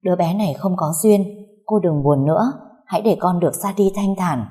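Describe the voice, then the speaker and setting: A kind female nurse comforts a patient in a soft, soothing voice, as a woman reader voices her. The tone is low and mellow, gentle in a storybook narration. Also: a little fast, lightly acted.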